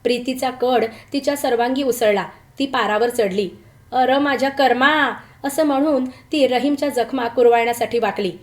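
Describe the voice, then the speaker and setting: A woman storyteller gives a scripted, dramatic reading of a tale in a voice a little above the usual pitch for women, with a darkish tone. She speaks at normal speed with few pauses, taking her time over the quoted lines and giving them a rougher rural flavor.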